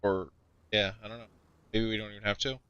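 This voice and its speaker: A man's voice: lowish voice, flat delivery, quick pace, sharp tone, clean tone, no echo. A man giving casual, offhand commentary while playing a racing game, thinking aloud. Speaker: gamer playing a racing simulator. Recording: dull, slightly lo-fi sound.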